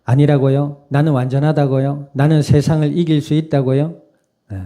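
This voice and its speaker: Warm-voiced pastor. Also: male voice, fairly high pitch, little pitch movement, normal speed. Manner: conversational preaching with rhetorical questions to the congregation. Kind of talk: sermon.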